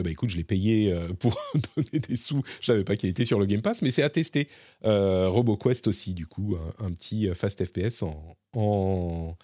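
Male game-stream host, low voice, dry sound, easygoing and halting delivery. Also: slightly rough, no room sound. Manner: relaxed, hesitant, many fillers and restarts. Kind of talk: casual chat about video games.

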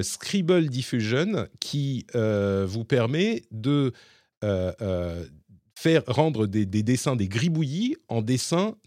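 A man with a medium-pitched, darkish voice hosts a casual tech podcast, chatting while he explains and demonstrates tools live. The recording is dry and has a clean studio sound.

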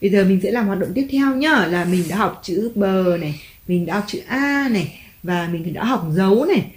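A mother patiently teaching her child letters and tone marks at home, slowly drawing out the spelling and praising often. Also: medium pitch, animated. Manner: patient, encouraging, drawn-out spelling. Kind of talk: home reading lesson for a child. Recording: echoey room, faint background music.

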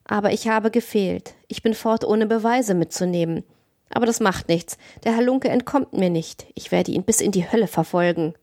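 A woman's voice: mid-range voice, normal speed, warm tone, no echo, studio quality, natural voice. A woman voicing a flustered, outraged merchant. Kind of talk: audiobook reading.

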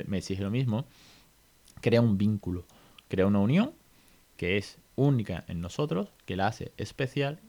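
A middle-aged man with a Spanish accent from Spain, hosting a podcast in a casual, lively monologue, full of restarts and quick checks with his listeners. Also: on the low side. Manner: lively, chatty, many restarts and "¿vale?" checks. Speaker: podcast host.

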